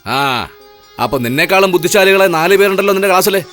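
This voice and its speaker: A man's voice: high voice, quick pace, fairly bright tone, soft background music. An actor dubbing a stern middle-aged magistrate father in a film, scolding and threatening his son in a harsh, scornful way. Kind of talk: Malayalam film dub.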